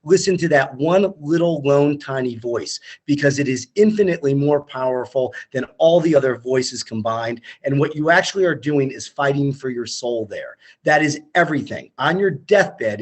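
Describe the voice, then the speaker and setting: A man being interviewed as a startup founder, emphatic and motivational, talking in quick punchy lists over a video call. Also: mid-range voice, breathy edge. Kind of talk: conversational interview.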